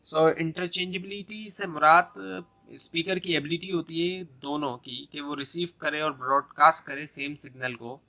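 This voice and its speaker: A man with a Pakistani accent tutors through an exam-prep lecture. His voice is bright and forward, and his pitch stays flat and level. He goes step by step, repeats each point, and fills pauses with "so" and "uh". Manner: explains step by step, restating points, many "so" and "uh" fillers.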